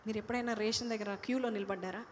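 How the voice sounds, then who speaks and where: A woman's voice: mid-range voice, steady tone, racing, slight background noise. Woman pastor preaching in a reverberant church hall. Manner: questions the congregation and prompts answers. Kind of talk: sermon.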